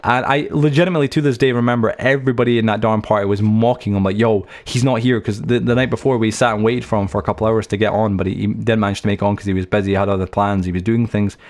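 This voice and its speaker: A young man talks quickly through a let's-play tour of his game world. His voice sits low, and he rambles from story to story with plenty of fillers and restarts. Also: fairly even intonation, darkish tone. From United Kingdom. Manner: chatty, anecdotal, many fillers and restarts. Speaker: gaming channel host.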